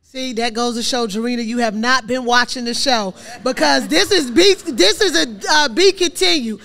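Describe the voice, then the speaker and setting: High-voiced woman hosting a live podcast. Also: normal speed, vocal fry, sharp tone. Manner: upbeat, calls on audience members. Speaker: podcast host.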